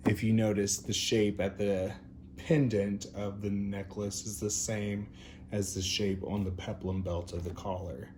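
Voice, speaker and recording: A man's voice: on the low side, flat delivery, unhurried, darkish tone, slight background noise. A man hosting an unscripted review in an effusive, gushing, campy drag-queen manner. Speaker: doll review host. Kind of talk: unscripted product review commentary.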